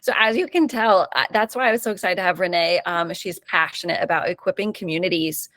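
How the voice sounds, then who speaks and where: Host, woman; warm-up and question lead-ins, encouraging, chatty; dry close sound. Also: lowish voice, fast talker, no echo. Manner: upbeat, encouraging, asks questions. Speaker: podcast host. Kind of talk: conversational interview hosting.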